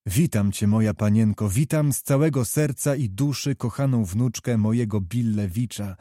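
A man's voice: fairly low pitch, normal speed, mellow, no room sound, studio quality, close to an everyday voice. A man voicing a hearty, commanding old prince with jovial, courtly speech.

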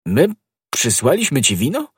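A man voicing a noble, older musketeer who speaks in a measured, dignified and gently reproachful way. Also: medium pitch, wildly swooping pitch, slightly rough, no echo, clean studio sound, voice pushed up, heavily acted. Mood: grave.

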